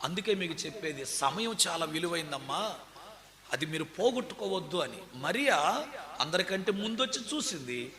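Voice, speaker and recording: A male pastor preaches in a church hall, telling the story dramatically and asking the congregation whether they are listening. His voice sits high and sounds intensely bright. Long reverb trails his words. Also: sing-song, moderate pace. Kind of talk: sermon. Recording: echoey hall.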